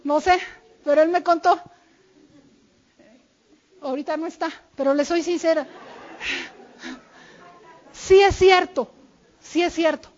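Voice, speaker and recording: A woman's voice: extremely high pitch, fairly even intonation, takes it slowly, pauses often, a little mellow. A woman giving an informal church talk on marriage, speaking candidly about herself and quoting her husband. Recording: dull lo-fi recording.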